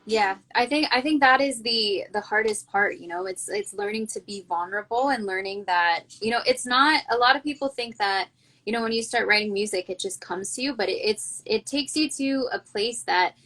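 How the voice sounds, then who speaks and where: A woman from El Salvador who was raised in Canada hosts a casual interview, earnestly thinking aloud and rambling with plenty of "you know" and "like." Her voice is fairly high and fairly bright, at a normal speed.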